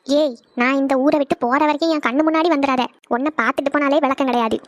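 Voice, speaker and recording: A woman voices a bitter, scornful middle-aged mother in a cartoon, speaking. The voice is very high and quick, harsh and contemptuous, and sits close and dry on the mic. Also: steady tone, dry recording, close to an everyday voice. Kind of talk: cartoon voice acting.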